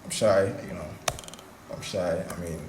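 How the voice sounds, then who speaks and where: A man hosts a coding tutorial in a casual, conversational style, repeating himself for emphasis as he talks over a screen recording in an indoor room. His voice is low-pitched with fairly even intonation and a measured pace. The room sounds echoey, with background hiss.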